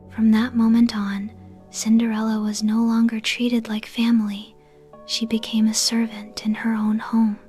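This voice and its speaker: Slow whispering woman telling a bedtime story. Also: a little high. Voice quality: breathy, soft-spoken whisper. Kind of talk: whispered ASMR scripted fairy-tale narration. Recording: voice under clear background music. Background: music.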